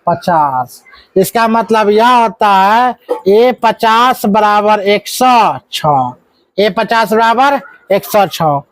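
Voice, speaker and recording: A man's voice: very high-pitched, a bit bright, no echo. A male math teacher, running a live classroom lesson and firing questions at the students, with scolding asides. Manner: coaxing call-and-response, scolding asides.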